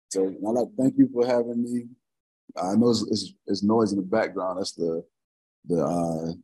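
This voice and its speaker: A man's voice: deep voice, mellow, breathy edge. A man from Florida, a chef guest on a casual interview, talking earnestly and restarting his sentences often. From Florida, United States. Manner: earnest, repeats himself, halting restarts. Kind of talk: casual video-call interview.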